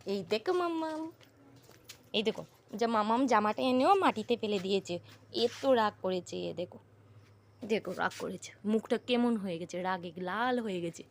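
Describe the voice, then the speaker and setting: A woman's voice: medium pitch, moderate pace. A woman filming her little daughter for a family vlog, chatting to viewers and coaxing and soothing the child.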